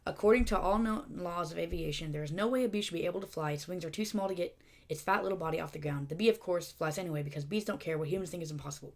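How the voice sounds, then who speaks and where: Chatty woman, lowish voice. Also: very fast, a little mellow. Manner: chatty, rambling asides. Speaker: YouTuber. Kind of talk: casual script read-through.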